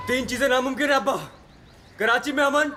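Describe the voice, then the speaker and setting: A cocky, smart-mouthed son. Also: male voice, very high voice, steady tone, fairly quick, noisy background. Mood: defiant. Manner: smart-mouthed, defiant one-liners. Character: cocky wisecracking young son. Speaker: rebellious son. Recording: film score underneath.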